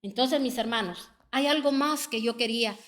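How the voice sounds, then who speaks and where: A woman preaches a sermon in an earnest, pleading way. Her voice sits a touch high and sounds bright and clear. She keeps turning to the listeners as her brothers and sisters. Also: moderate pace.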